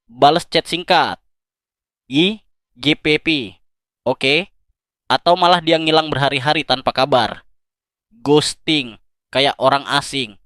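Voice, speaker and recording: Dry, fairly high-voiced male narrator. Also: a bit bright, dry recording. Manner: direct, addresses listener intimately. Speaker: relationship advice narrator. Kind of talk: scripted advice narration.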